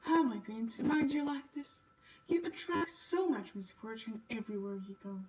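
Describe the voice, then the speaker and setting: A woman's voice: a little high, animated, moderate pace, a little mellow, far from the mic, lo-fi sound, natural voice. A woman voicing a stern, pitying mother from a visual novel, grave and admonishing. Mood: worried reproach. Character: stern, pitying, domineering mother of a young girl. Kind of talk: reading visual novel dialogue.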